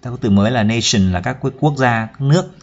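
A man teaching a song lesson, explaining each line slowly, then singing it slowly himself. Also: mid-range voice. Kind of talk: spoken lesson with sung demonstrations. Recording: dull lo-fi recording.

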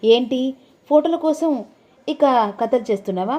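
A woman's voice: sits high, expressive, normal speed, warm tone. A woman doing a curt, impatient husband. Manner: curt, demanding, clipped questions. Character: stern, impatient young husband.

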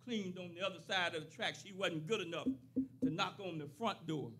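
An older man delivers a sermon from a church pulpit, his voice high and bright. He builds through repeated lines with a rising preacher's cadence. A faint noise sits under the stand microphone. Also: moderate pace. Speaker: pastor.

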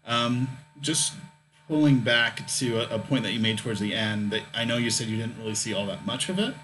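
A man hosting a podcast, asking questions in a relaxed, curious way. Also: mid-range voice, fairly quick, faint music behind. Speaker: podcast host. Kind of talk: casual interview.

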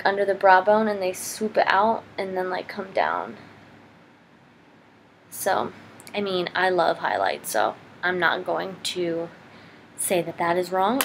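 A young woman giving a casual makeup tutorial in an informal, rambling, self-deprecating way, chatting as she works. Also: mid-range voice. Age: young adult. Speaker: beauty vlogger. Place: indoors, living room at home. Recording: noisy home camera recording.

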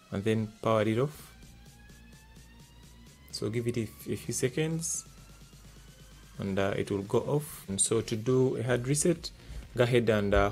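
A man hosting a tech tutorial, talking through steps plainly with many filler sounds, recorded at a desk indoors. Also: mid-range voice. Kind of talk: step-by-step tutorial narration. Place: desk indoors, hands-only camera.

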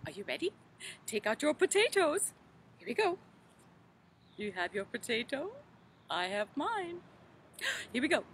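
A woman doing a dotty old Mother Goose, her voice pitched high and bright and swinging wildly up and down. She talks slowly, lingering on each word, and keeps breaking into flustered little exclamations. She leads rhymes for small children in a doting, scatterbrained way. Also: slight background noise, heavily acted. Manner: flustered, fluttery, exclaims "oh goodness". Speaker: library storytime performer. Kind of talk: children's rhyme time in character.

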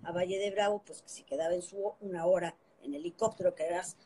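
A Mexican woman, around fifty, telling a lively anecdote on a phone live stream, laughing often and acting out the voices she quotes. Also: lowish voice, fast talker, slight background noise, rough recording.

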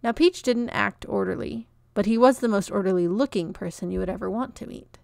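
A woman narrating a children's novel in a clear, expressive read-aloud. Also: medium pitch, a little fast, no room sound, studio quality.

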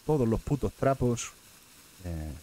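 A man's voice: medium pitch, big pitch swings, takes it slowly, dark tone, slight background noise. A man with a Spain Spanish accent giving live gameplay commentary as a streamer, muttering to himself and swearing often.

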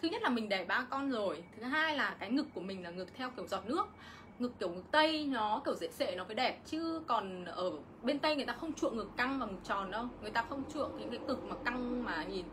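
A woman's voice: on the high side, animated, a little fast, a bit bright, slight background noise. A middle-aged woman, ranting on a casual livestream vlog and hitting back at her critics with indignation. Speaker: vlogger.

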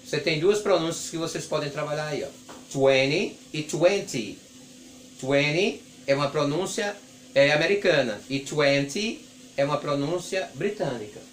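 A male English teacher whose first language is Portuguese gives a classroom lesson at the board, slowly repeating English number words for his students. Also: on the high side, slight background noise. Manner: slow, drawn-out repetition of English words for students. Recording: echoey room with faint ambience.

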